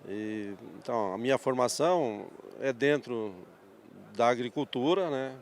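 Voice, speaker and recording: A medium-pitched man in his sixties from Santa Catarina in southern Brazil, speaking Portuguese with a Paraná accent, manages an agricultural machinery dealership. As an interview guest outdoors at a farm show, he tells his life story in a measured, thoughtful conversation.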